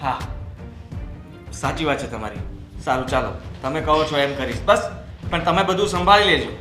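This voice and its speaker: A whiny tired young husband. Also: male voice, a little high, moderate pace, sharp tone, faint music behind. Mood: agreeable. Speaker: newly married husband. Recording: roomy echo.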